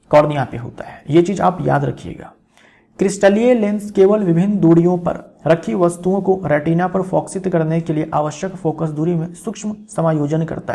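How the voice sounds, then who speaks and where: Man, exam-prep lecturer; high, gravelly voice; quizzes himself, repeats. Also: darkish tone. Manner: repeats key terms, asks and answers his own questions. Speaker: teacher.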